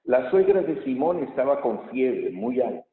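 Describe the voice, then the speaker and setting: A man as a priest reading the Gospel at Mass and giving a homily in a measured way, pausing to think, with a cathedral echo around him. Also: medium pitch, very animated. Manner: measured reading, thoughtful homily with pauses and fillers. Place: large church. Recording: echoey church hall, tinny phone-like sound.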